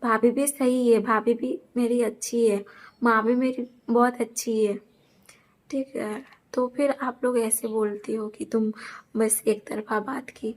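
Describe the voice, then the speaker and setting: A woman's voice: a little high, steady tone, measured pace. A young woman vlogger, talking earnestly and defensively to her viewers and repeating her points. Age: young adult. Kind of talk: casual talk to camera.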